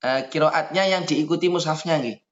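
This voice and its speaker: A man's voice: a little high, normal speed, reverberant, lo-fi sound. A man, a student in an online class, speaking politely and deferentially to his teacher over a video call.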